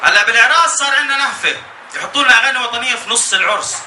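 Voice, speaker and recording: A man with a Jordanian accent doing stand-up comedy as an animated, escalating rant, telling stories and acting out bits. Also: very high-pitched, rapid-fire. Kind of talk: stand-up comedy about weddings. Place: live comedy show before an audience. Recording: echoey live venue, distant, noisy laughing crowd.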